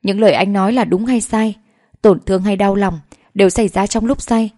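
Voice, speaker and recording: Brief: a woman voicing a tired, wounded young mother, cool and firm, warm mellow tone. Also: mid-range voice, fairly quick, dry recording, studio quality, close to an everyday voice. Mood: cold. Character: hurt, weary young mother.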